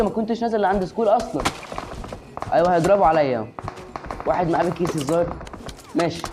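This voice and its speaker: A woman with an Egyptian Arabic accent who hosts a gaming channel and gives chatty, excitable shooter commentary straight to the viewer. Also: medium pitch. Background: game music and gunfire.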